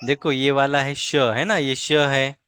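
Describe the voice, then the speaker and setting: A woman's voice: rumbling low, fairly even intonation, fairly bright tone, clean tone, no echo, studio quality. A woman teaching a language lesson, patiently modelling and correcting pronunciation word by word. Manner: corrects and models words slowly, repeating each.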